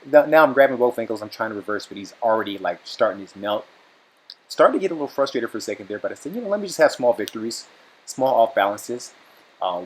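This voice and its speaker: A man's voice: lowish voice, husky. A man giving informal, self-analytical play-by-play commentary on his own sparring. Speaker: student narrating own sparring.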